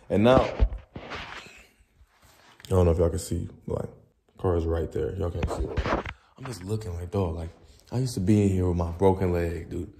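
Recording on a phone camera held near him, a young man chats in a relaxed, slangy way for his vlog, sometimes turning soft and reflective. His voice is low, there's background noise, and he's in a quiet old church.

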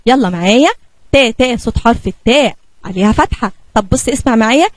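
A woman with an Egyptian Arabic accent teaching a kindergarten spelling lesson, slowly drawing out letter sounds for young children. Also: a little high, animated, dry recording.

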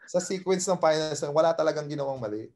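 A man's voice: on the high side, fast. Man animatedly retelling a story. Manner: animated, acts out quoted exchanges. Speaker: podcast guest, former college basketball player. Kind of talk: casual storytelling chat.

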